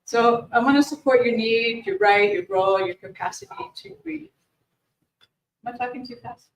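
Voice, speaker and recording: A woman's voice: on the high side, normal speed, a little hiss or hum. A woman leading a grief workshop for a live audience, speaking conversationally and often restarting or repeating words. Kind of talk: informal workshop presentation. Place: meeting room with a live audience. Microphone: distant room mic. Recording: echoey room, voice far from the mic.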